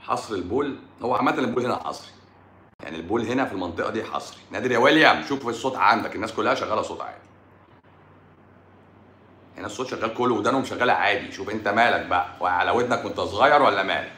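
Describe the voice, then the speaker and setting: Combative Egyptian man, bright echoey voice. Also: rapid-fire, a little hiss or hum. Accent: Egyptian Arabic. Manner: mocking and combative, swinging between loud outbursts and low muttering. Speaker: doctor hosting a live stream. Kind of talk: heated live-stream rant answering comments.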